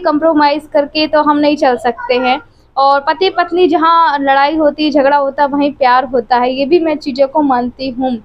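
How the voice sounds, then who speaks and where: Woman, high voice, family vlogger, emotional and heartfelt, talking straight to viewers, at home, phone camera, dull lo-fi audio. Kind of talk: tearful personal confiding to viewers. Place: at home, by the bed. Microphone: phone camera held close.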